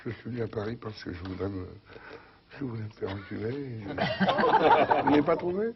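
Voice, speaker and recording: Gravelly man acting out jokes. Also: medium pitch, lively intonation, moderate pace, a little hiss or hum. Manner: acts out the people in his jokes with changed voices. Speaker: guest telling jokes. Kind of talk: telling jokes on a TV show. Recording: dull lo-fi 1990 TV archive.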